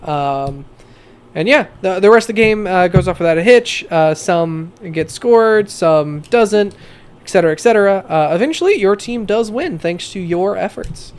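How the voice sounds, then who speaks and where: A man's voice: high-pitched, lively intonation, normal speed, smooth. A man narrating as game master of a tabletop game, hesitant and full of fillers.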